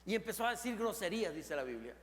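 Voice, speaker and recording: Male pastor with a Mexican accent, high voice, impassioned sermon with swings from loud to hushed, church reverb. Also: sing-song, fast talker. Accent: Mexican Spanish. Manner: preaching with rising intensity, then dropping to a low, soft tone. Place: church sanctuary. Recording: long reverb of a church hall.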